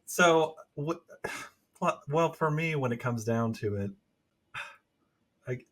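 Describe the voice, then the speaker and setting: A man's voice: mid-range voice, lively intonation, slow pace, fairly bright tone. A man with an Arkansas twang, chatting casually as a podcast co-host. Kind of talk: casual chat.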